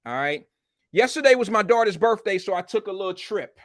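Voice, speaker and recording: A man's voice: high-pitched, fast, no echo, studio quality. A man hosting a casual live show, chatting with viewers in blunt, slangy, profane talk while wearing a retainer in his mouth. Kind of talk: casual livestream chat reading viewer comments.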